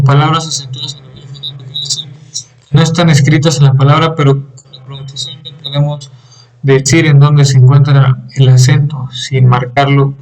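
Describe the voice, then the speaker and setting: A young man giving a class presentation on grammar, reading with halting pauses, fillers and throat clearing. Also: fairly high pitch, darkish tone, low-quality recording. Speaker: student presenter.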